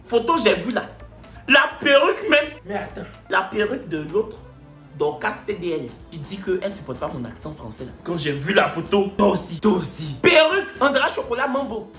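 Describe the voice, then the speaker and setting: A woman reacts to online comments in a mocking, theatrical way, her pitch leaping around as she talks back at commenters. She is recorded in an echoey room with faint music underneath. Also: expressive, moderate pace. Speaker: online show host. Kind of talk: comic reaction to social media comments.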